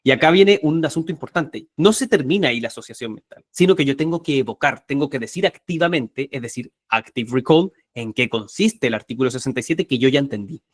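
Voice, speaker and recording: A man teaching a live online workshop on memorization techniques, emphatic and energetic, often repeating key words. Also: mid-range voice, fairly quick, few pauses, no echo, studio quality.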